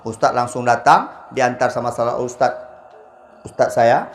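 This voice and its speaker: A man's voice: mid-range voice, a little slow, slight background noise. A man, preaching a humorous sermon and acting out the people in his stories. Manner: animated storytelling, acts out quoted voices. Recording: echoey hall with faint ambience.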